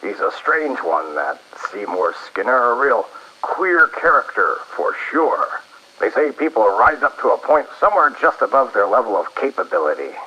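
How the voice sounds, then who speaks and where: An actor playing a pompous, sardonic, slightly tipsy school superintendent in a 1930s-style radio play, wordy and dryly suspicious. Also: male voice, medium pitch, big pitch swings, moderate pace, sharp tone, highs cut off, slight background noise. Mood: scornful, musing. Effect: old-time radio filter.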